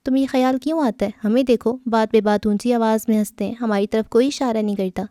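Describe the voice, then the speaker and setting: Female reader voicing a teasing, coaxing young woman; warm and dry. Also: a little high, fairly even intonation, dry recording, lightly acted. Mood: comforting. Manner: playful, coaxing.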